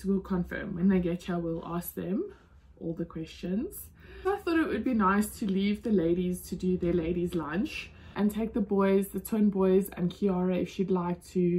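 A woman's voice: mid-range voice, low-quality recording. A young woman talking casually to viewers in a vlog, filmed on a phone held at arm's length on a porch. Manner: chatty, relaxed, addresses viewers directly. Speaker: vlogger. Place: outdoor porch, then stables. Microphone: phone camera at arm's length.

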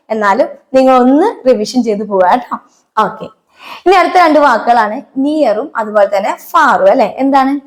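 A woman from Kerala, teaching Hindi in a patient online lesson and often checking that her students understand. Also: high-pitched.

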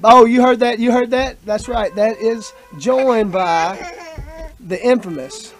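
A man's voice: very high voice, steady tone, a little slow. A man hosting a casual radio chat, joking and rambling as he jumps between thoughts. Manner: joking, rambling, self-interrupting. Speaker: radio host. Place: radio studio. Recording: music playing under the talk.

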